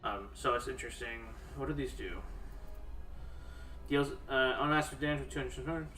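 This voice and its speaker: Guy streaming a game, bright voice, thinks out loud, echoey room, music in back. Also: mid-range voice. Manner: halting, thinking aloud. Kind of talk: casual let's-play commentary. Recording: roomy, distant mic over game music.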